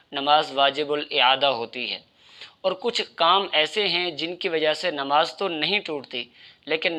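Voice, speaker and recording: A man's voice: on the high side, pushed and bright. A man giving religious instruction in a methodical, explanatory way, addressing his listeners directly. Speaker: Islamic religious teacher.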